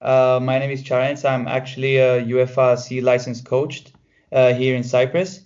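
Coach guy, flat monotone voice, umms a lot, lo-fi call sound. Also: medium pitch, moderate pace. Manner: plain, hesitant, fillers. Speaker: football coach.

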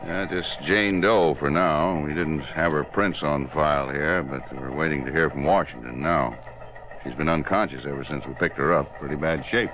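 Very deep-voiced, hard-boiled police sergeant. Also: male voice, normal speed, highs cut off. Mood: matter-of-fact. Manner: terse, matter-of-fact, hard-boiled. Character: gruff, matter-of-fact male police robbery sergeant. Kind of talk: 1950s radio drama acting.

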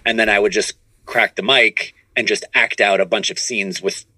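A podcast guest who is an improv comedian and producer chats casually in an interview from his home studio, rambling and often restarting his sentences with repeated false starts. His fairly low voice is bright, forceful and slightly rough, steady in tone at a normal speed. There's no room sound.

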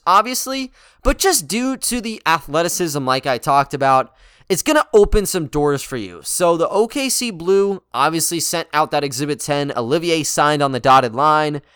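Male sports podcast host, slightly high-pitched, crisp tone, informal basketball commentary, dry recording. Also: expressive, moderate pace, fairly bright tone, no echo. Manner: conversational, informal. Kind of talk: casual basketball commentary with a sponsor read.

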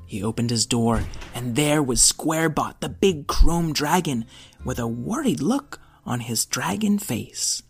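A man's voice: mid-range voice, lively intonation, unhurried, vocal fry, breathy edge, soft background music. A man narrating a scripted story for children as a storyteller.

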